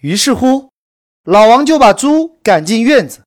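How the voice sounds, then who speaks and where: A woman telling a promotional story in a brisk, emphatic scripted sales delivery. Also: on the high side, big pitch swings. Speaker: course promoter narrator.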